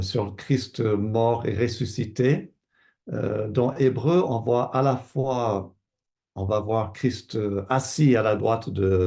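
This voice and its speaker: An older man from Canada answers interview questions at a slow, careful pace. His low voice is gravelly and mellow, and he often pauses and repeats words as he thinks. He sounds like a pastor and teacher. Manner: thoughtful, hesitant with many fillers and repeated words.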